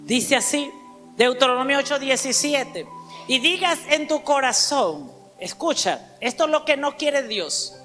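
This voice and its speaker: A woman preaching a sermon to a congregation, emphatic, calling out to the listeners and spelling out words slowly. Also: sits high, expressive, fairly bright tone. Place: church hall. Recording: church hall reverb with faint music.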